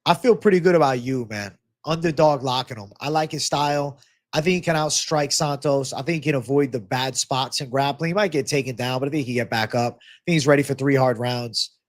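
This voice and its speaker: Speaking a little fast in a medium-pitched voice, a congested, stuffy-nosed man runs a casual livestream Q&A about fight betting. He reads out viewer comments in a relaxed, slangy manner, swearing freely.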